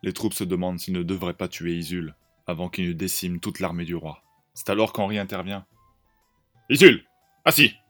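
Male host and storyteller: low-pitched, lively improvised narration over faint music. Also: fairly quick.

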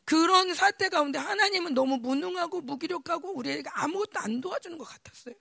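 High, gravelly woman preaching fervently. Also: fast talker, dry recording, clean studio sound. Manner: impassioned, shifting between loud pleading and hushed whispers. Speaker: pastor's wife preaching. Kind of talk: sermon.

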